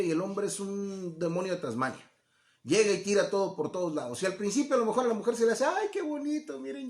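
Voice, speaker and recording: A man teaching from the Bible in a conversational way, often checking in with listeners and acting out quoted voices. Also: high voice. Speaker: preacher. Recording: echoey room.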